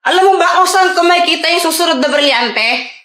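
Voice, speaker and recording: A woman voicing a smug doctor character who teases and holds back a prize, in a lowered voice. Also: brisk, fairly bright tone. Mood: grudging. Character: teasing doctor character who withholds a gem. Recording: echoey room.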